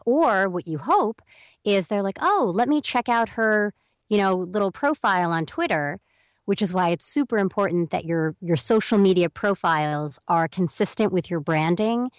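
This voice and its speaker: On an interview podcast, a young adult voiceover artist speaks chattily and at length, performing the quoted messages as she goes. Her medium-pitched voice has lively intonation and a moderate pace, captured as a dry, studio-quality recording.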